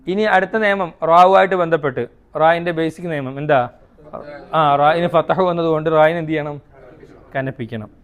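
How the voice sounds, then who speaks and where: A high-pitched man leads a recitation class. He asks his students questions, then answers them himself. He sounds out each rule slowly and repeats it. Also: muffled recording. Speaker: Quran recitation teacher. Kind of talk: classroom tajweed lesson.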